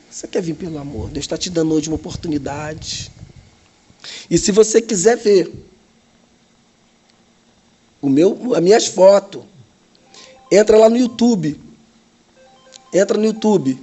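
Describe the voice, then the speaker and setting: An evangelist with a notably high voice tells his testimony with drama. He acts out everyone in the story as he goes. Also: unhurried, pauses often, mellow, slightly rough, soft background music. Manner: dramatic, acts out other people's lines. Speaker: evangelist, podcast guest.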